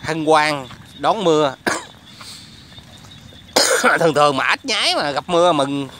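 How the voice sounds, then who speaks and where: A bright, crisp-voiced man talking casually to his viewers as he films outdoors on a phone. He keeps asking if they can hear and see things. Faint rain and frog croaks sit behind him. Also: fairly high pitch, expressive, a little slow, a little hiss or hum. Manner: chatty, addresses viewers constantly. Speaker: vlogger. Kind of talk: casual outdoor vlog commentary. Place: outdoors in rain at a quiet resettlement area. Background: rain and frogs croaking.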